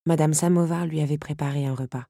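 Husky, low woman narrating a storybook. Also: steady tone, dark tone, dry recording, clean studio sound. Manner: measured, descriptive reading. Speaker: audiobook narrator.

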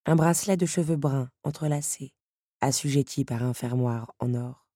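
A woman narrating a story in an expressive storytelling manner. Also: rumbling low, moderate pace, husky, no echo, clean studio sound. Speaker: audiobook narrator. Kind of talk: scripted narration.

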